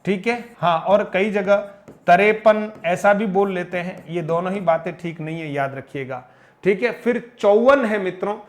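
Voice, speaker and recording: A man teaching Hindi number words, repeating each one and correcting common mispronunciations. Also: high-pitched. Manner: repeats and corrects each word, addressing viewers as friends; slow, emphatic drilling of pronunciation. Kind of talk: spoken grammar lesson.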